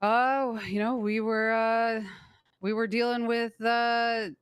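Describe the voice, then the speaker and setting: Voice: mid-range voice, flat delivery, slow, a bit bright, smooth, no room sound. A person role-playing a gang member in a crime game, explaining in a hesitant, conciliatory way. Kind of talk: improvised role-play in an online crime game.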